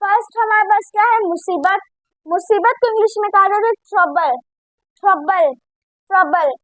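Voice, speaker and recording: Woman teacher, very high pitch, unhurried word-by-word drilling, dry close sound. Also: no room sound, rough recording. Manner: repeats each word slowly, drilling pronunciation. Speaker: English vocabulary teacher. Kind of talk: vocabulary drill lesson.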